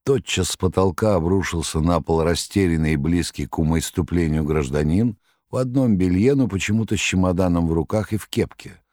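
Deep-voiced man narrating an audiobook. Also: darkish tone, dry recording, studio quality. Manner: measured storytelling.

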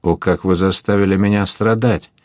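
A fierce, anguished young captain, as a man reads him aloud pours out his words in an impassioned, declamatory way. The voice sits very low and the sound is dry and close, like an audiobook. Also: fairly even intonation, normal speed, a little mellow, dry recording, lightly acted. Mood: resolute. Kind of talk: audiobook character reading.

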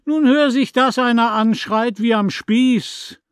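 A man voicing a coarse, mocking neighbor woman who yells back in a brash, sneering way, in an audiobook reading. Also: extremely high pitch, slow pace, clear, resonant tone, no room sound, studio quality, pitched above the performer's own voice. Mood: sneering, yelling.

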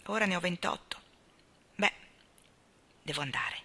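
A reserved, serious young wife, voiced by a woman reading. She speaks quietly and close to a whisper, with a low, gravelly voice. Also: measured pace, exaggerated voice.

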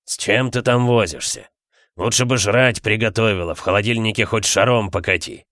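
A man voicing a rude, bad-tempered husband who talks gruffly and barks his words. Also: lowish voice, normal speed, fairly bright tone, no echo, clean studio sound, close to an everyday voice. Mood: mocking. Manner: gruff, barking.

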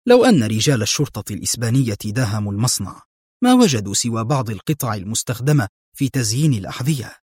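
A man voicing a calm, mocking male secret agent in an audiobook reading. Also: medium pitch, brisk, no echo, studio quality, close to an everyday voice. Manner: mocking, self-assured. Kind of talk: audiobook narration.

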